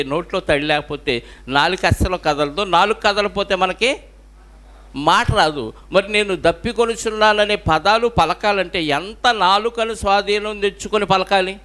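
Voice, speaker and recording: Male pastor with a Telugu accent, higher voice, preaching and asking the congregation questions. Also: pushed and bright. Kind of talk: sermon.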